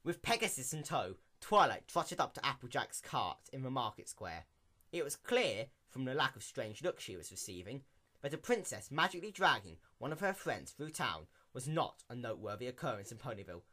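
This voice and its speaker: A man's voice: medium pitch, very animated, a little fast, sharp tone. A man narrating a story as a dramatic reading, with a theatrical, emphatic delivery.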